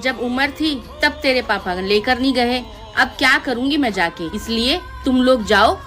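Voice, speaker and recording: A woman acting a homely mother-in-law in a scripted family drama, gently grumbling. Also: fairly high pitch, expressive, normal speed, faint music behind.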